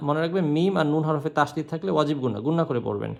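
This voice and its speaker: A man teaching Quran recitation, spelling out each letter and vowel mark, then chanting the verse in long drawn-out notes. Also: a little high, expressive, vocal fry. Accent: Bangladeshi Bengali.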